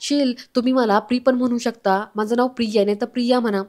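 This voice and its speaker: A woman's voice: a little high, steady tone, fast talker, darkish tone, pitched above the performer's own voice, natural voice. A woman voicing a cheeky, trendy young woman who speaks breezily with English words mixed in. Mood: breezy, cheeky.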